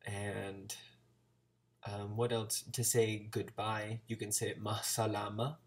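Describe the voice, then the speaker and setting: A man's voice: lowish voice, flat delivery, slow pace. An American man talking casually in a vlog, chattily sounding out Arabic words as a learner. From United States. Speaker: language-learning vlogger.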